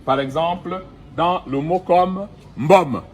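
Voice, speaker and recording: A middle-aged man giving a recorded language lesson outdoors, speaking slowly and deliberately and repeating each vowel and example word. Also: on the high side, slight background noise. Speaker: language teacher. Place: outdoors in the sun.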